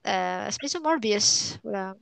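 A woman's voice: mid-range voice, animated, fairly quick, gravelly, no echo. A woman with a Moroccan Arabic accent co-hosting a casual chat, often slipping into French and English phrases. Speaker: podcast co-host. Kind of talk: casual chat about films and series.

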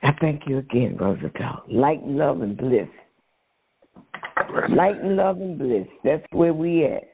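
Gravelly-voiced man on a phone line. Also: a little high, expressive, slight background noise. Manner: blessing, effusive, slow. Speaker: featured guest. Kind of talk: spiritual phone call chat.

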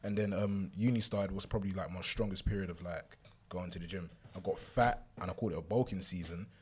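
A man's voice: low voice, fairly even intonation, brisk, slightly rough. A man in his twenties with a South London accent, chatting casually and telling stories in slangy, joking style on a group podcast. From South London, England. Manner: slangy, conversational, jokey storytelling.

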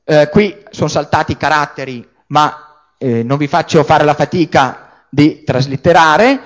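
A man lecturing on scripture to a class, animated and explanatory, often checking in with his listeners and restarting words mid-thought. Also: on the high side, measured pace. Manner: animated, checks in with frequent tag questions.

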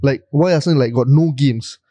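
A man's voice: medium pitch, moderate pace, mellow, dry recording. A young man with a Singaporean accent chatting casually in Singlish mixed with Malay slang, teasing and often repeating himself for emphasis. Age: young adult.

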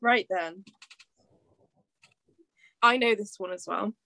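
A woman's voice: medium pitch, slow pace, gravelly, pushed and bright. A woman co-hosting a podcast, chatting bluntly and reading out quiz questions over a video call. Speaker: podcast co-host.

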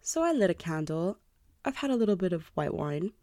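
Low, mellow young woman podcaster. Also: very animated, fairly quick, no echo, studio quality. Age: early 20s. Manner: candid, apologetic, self-deprecating. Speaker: podcast host. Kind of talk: confessional solo podcast talk. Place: bedroom. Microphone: close podcast microphone.

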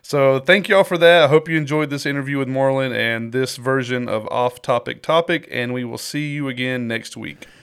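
A man's voice: medium pitch, normal speed, hardly any pauses, fairly bright tone, clear, resonant tone. A man hosting a casual podcast chat, easygoing. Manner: easygoing, wraps up the episode. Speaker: podcast host.

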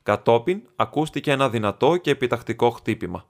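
A man narrating a classic detective story as an audiobook reader, in a steady reading voice. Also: medium pitch.

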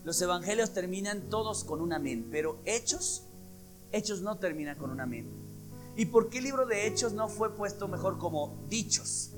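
A man preaching a sermon, emphatic and shifting between loud stresses and hushed asides. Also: high-pitched, lively intonation, moderate pace. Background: soft guitar music.

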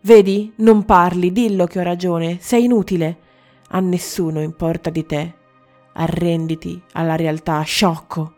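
A woman voicing a cruel, mocking mirror reflection of a prince in a storybook, speaking harshly and loudly. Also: fairly low pitch, fairly even intonation, unhurried, faint music behind. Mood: scornful. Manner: harsh, scornful, loud.

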